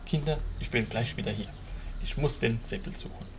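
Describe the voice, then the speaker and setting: A man's voice: mid-range voice, brisk, close to an everyday voice. A man voicing an eager, helpful hero in a German children's puppet show, chatting to the children in a theatrical way. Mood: concerned. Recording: noisy home puppet-stage recording.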